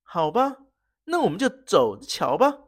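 A storyteller voicing a cunning, fierce gentleman thief who threatens and shouts. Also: medium pitch, huge pitch swings, normal speed, breathy edge, no echo, clean studio sound, pitched above the performer's own voice. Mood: threatening. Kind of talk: storybook reading.

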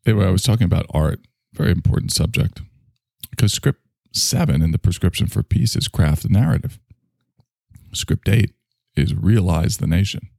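Gravelly older man rambling on a podcast. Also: low voice, expressive, normal speed, mellow, no echo, studio quality. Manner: rambling, self-mocking, jokey. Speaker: podcast host. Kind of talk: rambling solo podcast monologue.

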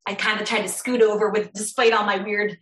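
Woman guest, earnest storyteller, halting delivery, bright tone, roomy echo. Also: mid-range voice, flat delivery. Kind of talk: personal storytelling in an interview.

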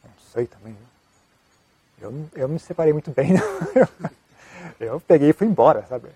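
A man, a monk answering an interview question in a casual, halting way with many restarts. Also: on the high side, expressive, warm tone, breathy edge, no room sound. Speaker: Buddhist monk giving advice.

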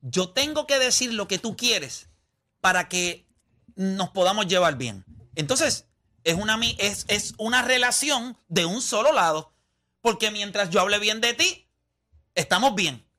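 High bright-voiced man. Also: animated, unhurried. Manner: blunt, argumentative, emphatic. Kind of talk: casual sports debate.

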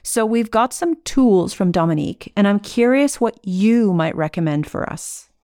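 A woman's voice: mid-range voice, animated, moderate pace, mellow. A woman hosting a show in a conversational style. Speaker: show host.

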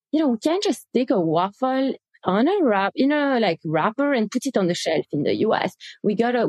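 A woman's voice: on the high side, darkish tone, no echo. A woman from Belgium, a company CEO guest speaking eagerly in a casual interview, often repeating words as she thinks.

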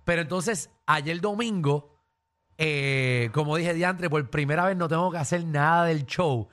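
Puerto Rican male co-host, hoarse, jokey storyteller, slightly high pitch. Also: a little slow, fairly bright tone. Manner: joking, self-deprecating storyteller. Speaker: radio co-host and comedian. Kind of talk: casual radio banter.

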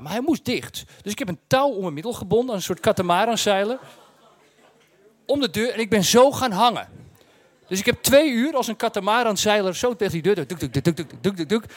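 A man with a distinctly high voice recounts an anecdote in a very dry recording. He talks casually and bluntly, in colloquial language, and performs the story as he tells it. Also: lively intonation, a little fast, no room sound. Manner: acts out dialogue and sound effects. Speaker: storyteller recounting his travel experience.

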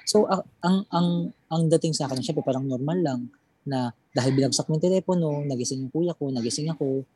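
A young adult recounting a ghost story in easygoing chat, with a mellow, husky tone. The delivery halts and circles back on words, and quoted lines drop to a hush. Dry, close sound. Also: medium pitch, no echo. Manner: halting, repeats words while recalling details. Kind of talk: casual spoken ghost story.

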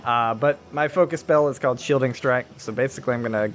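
A man playing a tabletop game, describing his character's moves in a relaxed, hesitant way. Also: mid-range voice, fast talker, noisy background. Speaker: player.

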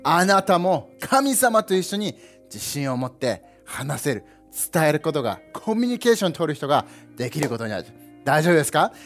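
A young male pastor delivers an animated sermon in a high, bright register. His pitch swings widely as he plays out little scenes and sound effects. Faint music sits beneath him. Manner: animated, playful, with sound effects and asides to the congregation. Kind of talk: lively sermon.

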